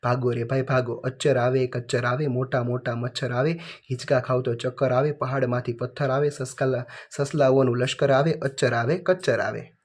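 A man goes through a children's workbook answer by answer. His voice stays in a narrow, even band, reading off lists of words one after another. It sounds like a patient teacher walking pupils through their exercises. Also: medium pitch, normal speed. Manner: reads answers in a flat, list-like way.

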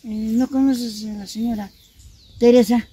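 A woman voicing a grieving middle-aged man just out of prison, talking low, mournful and pleading outdoors in the countryside. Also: fairly even intonation, moderate pace, dark tone, slight background noise, lightly acted. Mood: anxious.

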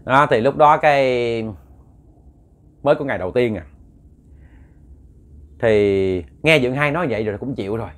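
A man's voice: mid-range voice, lively intonation, normal speed, long pauses. A man with a Southern Vietnamese accent, narrating a ghost story in a rambling way with many fillers and repeats, speaking to his listeners. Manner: addresses listeners directly.

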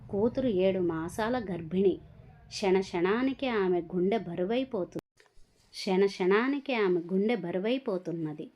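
Woman narrating a story, muffled sound. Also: medium pitch. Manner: measured, expressive reading. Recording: dull lo-fi recording.

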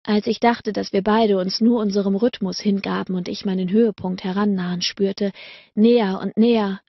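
A woman narrates a romance audiobook in a slow, measured, intimate reading. Her voice is husky with a gravelly fry. The recording sounds dull, lo-fi and dry. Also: medium pitch, steady tone, no echo.

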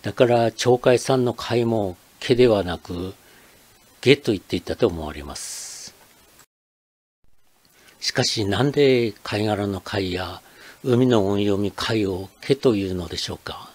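Older man, low voice, measured scripted narration for a dialect lesson video. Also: a little mellow. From Akita, Japan. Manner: measured, explanatory reading. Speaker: channel host.

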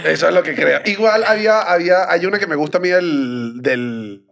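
A man's voice: on the high side, moderate pace, vocal fry, fairly bright tone. A man with a Venezuelan accent, co-hosting a casual chat, joking and arguing his points. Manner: joking, argumentative. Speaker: podcast co-host.

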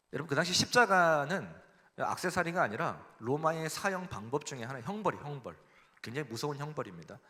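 Pastor, male, bright forceful tone, long church-hall reverb, emphatic preacher. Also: mid-range voice. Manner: emphatic, acts out quoted voices, leads the congregation in reading. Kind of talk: sermon. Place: church sanctuary.

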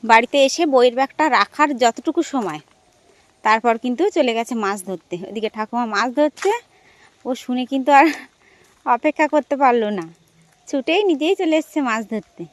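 A woman's voice: a little high, normal speed, no echo. A woman from the Sundarbans narrating a casual village vlog outdoors, chatting to viewers as friends while walking. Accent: Bengali, Sundarbans. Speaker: vlogger.

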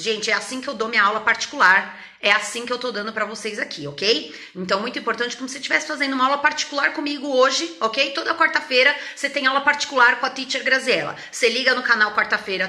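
Brazilian woman English teacher, playful and animated, bright voice, slightly high, echoey room. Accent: Brazilian Portuguese. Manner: animated and playful, switches between Portuguese and English examples. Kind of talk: lively private-lesson style teaching.

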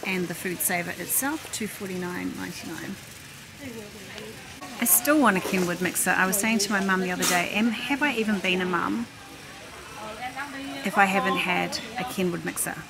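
With a crowd audible behind her, a middle-aged vlogger chats at a moderate pace, often pausing as she thinks aloud while browsing a large indoor warehouse store. An operator holds the handheld camera, capturing the loud rumble and steady hum of the store.

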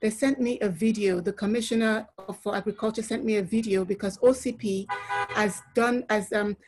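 A woman's voice: mid-range voice, fairly even intonation, moderate pace, over music. Woman moderating a video call. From Nigeria. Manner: warm, effusive, many filler ums. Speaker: webinar moderator. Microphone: laptop webcam video call.

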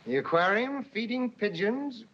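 A dry, soothing office colleague. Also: male voice, high voice, sing-song, a little slow, fairly bright tone, exaggerated voice. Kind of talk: 1930s film acting. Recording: dull old film soundtrack with hiss.

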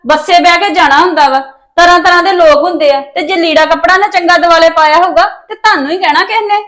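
A woman's voice: very high-pitched, fast talker, fairly bright tone. A young woman with a Punjabi accent playing a daughter who pleads and argues with her mother in a family drama. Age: young adult. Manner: pleading, defensive.

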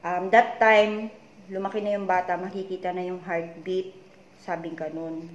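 A woman from the Philippines vlogging, anxiously retelling conversations in a low, weak voice. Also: flat delivery, moderate pace, highs cut off. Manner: retells conversations, repeatedly tagging them with "she said"; worried, confiding tone. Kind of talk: personal story-time vlog. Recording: echoey room with faint background noise.

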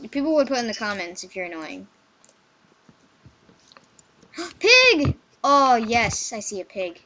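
A woman's voice: medium pitch, animated, a little fast, a little hiss or hum, rough recording. A woman hosting casual gameplay commentary on a computer mic, rambling and chatty with lots of "like". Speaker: gaming channel host.

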